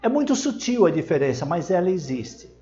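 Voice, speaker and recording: A man teaching an online lesson. He explains pronunciation step by step, models English words slowly and keeps checking in with the viewer. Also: high-pitched, very animated, dark tone, highs cut off, soft background music. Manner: frequent checking tags to the viewer.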